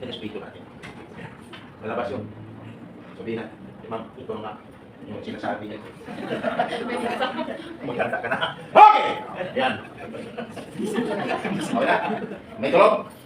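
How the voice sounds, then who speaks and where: A man's voice: on the low side, moderate pace, pauses often. Man working a seminar crowd, echoey hall. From Philippines. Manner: animated, quizzes the crowd, laughs often; mixes English into his Filipino. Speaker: seminar speaker for departing overseas workers. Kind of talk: live talk to a seminar audience. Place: seminar room with an audience. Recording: echoey room, distant and noisy.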